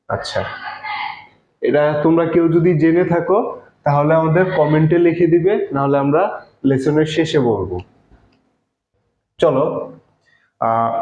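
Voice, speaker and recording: A man's voice: fairly high pitch, darkish tone. A man with a Bangladeshi Bengali accent teaching a math lesson step by step, patiently, with many fillers. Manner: patient, explains slowly with fillers. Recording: echoey room, dull lo-fi sound.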